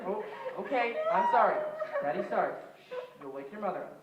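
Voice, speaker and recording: A man's voice: sits high, lively intonation, fairly quick, dull audio, over a noisy crowd. A man acting a tired father coaxing his children to bed in a school stage play, with an exasperated, pleading way of talking. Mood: weary. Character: weary young dad putting kids to bed. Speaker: stage actor. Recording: echoey stage from far off, noise.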